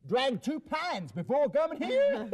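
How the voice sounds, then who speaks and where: A man's voice: extremely high pitch, huge pitch swings, a little slow, pitched above the performer's own voice, exaggerated voice. A man playing a boastful, rowdy Texan rodeo star in a TV sketch, with a put-on American Texan accent and a bragging, laughing manner. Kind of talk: TV sketch comedy acting.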